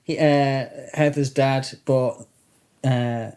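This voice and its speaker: A man hosting a podcast, quiet and understated in a casual chat. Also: medium pitch, steady tone, drawn-out words. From Wales. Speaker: podcast host.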